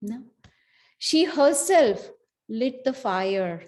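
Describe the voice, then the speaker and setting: A woman with a fairly high, slightly mellow voice speaks very slowly with lively intonation. Giving a scripture class, she tells the story conversationally, full of asides and frequent "you know"s.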